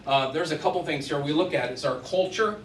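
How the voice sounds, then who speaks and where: This is a casual business presentation by a middle-aged Washington State man, a guest speaker addressing an audience in an event room. He talks fairly quickly in a deep voice, chatty and peppered with fillers. Sound is echoey and distant from the mic, with a faint hiss of noise.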